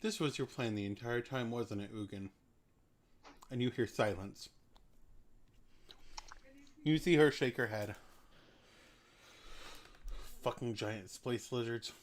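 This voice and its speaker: A man narrates a tabletop role-playing game as its game master. His delivery is dry and matter-of-fact, with an even middle pitch. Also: takes it slowly, long pauses.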